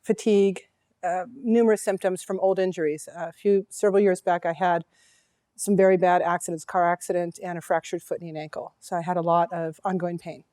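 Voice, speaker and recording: A woman in her forties calmly listing her past health problems with short pauses. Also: on the low side, no echo, clean studio sound. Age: 40s. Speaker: client giving a testimonial. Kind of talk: interview testimonial.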